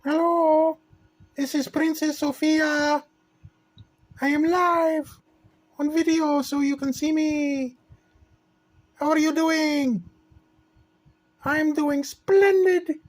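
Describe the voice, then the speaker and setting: A person playing a cheerful, playful princess who talks in a high sing-song voice and blows kisses, recorded in a hospital room. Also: fairly even intonation, slow, pauses often. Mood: sweet.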